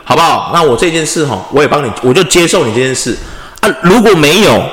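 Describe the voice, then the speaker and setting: A young man from Taiwan, host of a casual chat podcast, telling stories in an animated way, swearing and acting out quarrels loudly. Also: a little high, quick pace, a crowd in the background. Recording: echoey room with long reverb.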